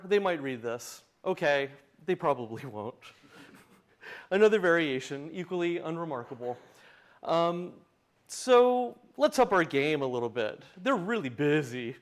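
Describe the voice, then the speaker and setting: Wry man giving a lightning talk, higher-pitched voice. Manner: wry, self-deprecating humor. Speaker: tech conference speaker, open source project founder. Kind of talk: live demo lightning talk.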